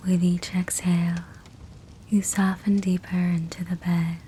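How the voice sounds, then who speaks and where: Over the steady crackle of a fireplace, a woman whispers a sleep meditation in a soft, breathy, low voice. She speaks very slowly and soothingly, pausing at length between brief phrases.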